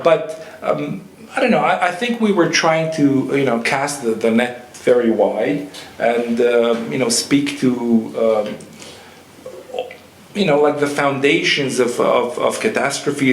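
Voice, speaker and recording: A man speaking haltingly with many fillers as a panelist and organizer in a discussion. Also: medium pitch. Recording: echoey hall, faint noise.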